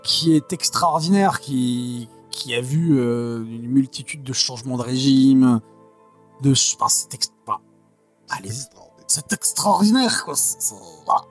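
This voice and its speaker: A man co-hosting a live stream, teasing and enthusiastic as he pitches his topic. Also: expressive, a little slow, faint music behind. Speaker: stream co-host. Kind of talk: casual stream chat.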